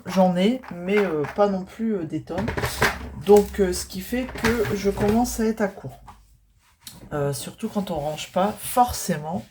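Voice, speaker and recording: A woman's voice: lowish voice, a little mellow, a little hiss or hum. Woman, northern French accent, rambling, hesitant, chatty craft vlogger. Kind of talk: casual chat while tidying.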